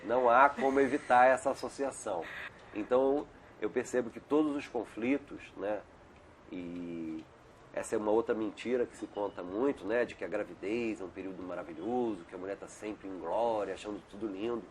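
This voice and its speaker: Over a video call, a middle-aged doctor gives an interview in a chatty, rambling way, tacking "né?" onto many sentences. He speaks briskly in a lowish voice, with slight hiss or hum.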